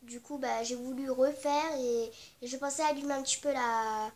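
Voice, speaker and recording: A young teenage girl from Réunion, stuffy with a cold, rambles casually about her beauty products in a vlog, apologizing often and filling her speech with fillers. Her voice sits high with fairly even intonation, a darkish tone, and normal speed.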